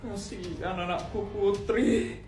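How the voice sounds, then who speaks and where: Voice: mid-range voice, fairly even intonation, slow, lightly acted. A performer voicing a rich, bossy mother who gives orders in an agitated voice, in a comedy skit. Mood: worried. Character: rich, fussy mother of a schoolgirl. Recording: roomy with music behind.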